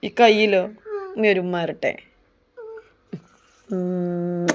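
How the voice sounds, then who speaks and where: A young woman talking gently to her small child as a mother, coaxing and soothing with repeated endearments. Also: fairly low pitch, steady tone, slow pace, crowd noise. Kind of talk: comforting talk to a small child.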